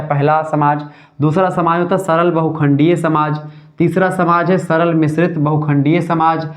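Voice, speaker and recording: A man giving a live sociology lecture, explaining step by step and repeating the key points. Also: on the high side. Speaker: sociology teacher.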